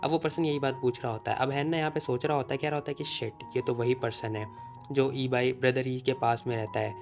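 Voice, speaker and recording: A young man rattles through a comic recap at a brisk clip, casual and full of fillers. His voice sits in an ordinary middle pitch. A light music bed runs quietly behind him. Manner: chatty, fast, many fillers. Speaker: story recap narrator. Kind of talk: casual story recap narration. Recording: faint background music.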